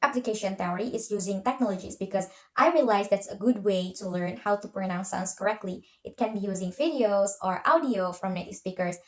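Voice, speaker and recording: A young woman with an Indonesian accent giving a prepared class presentation as a student and future English teacher. She reads steadily and slows down to sound out example words. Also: medium pitch. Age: young adult. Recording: roomy echo.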